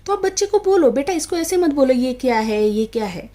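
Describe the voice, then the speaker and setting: In a relaxed home lesson, a high-voiced woman shows parents useful English phrases, mixing in Hindi, calling viewers friends, and playing a mother calling her child. She talks a little fast with wide pitch swings and a dark tone.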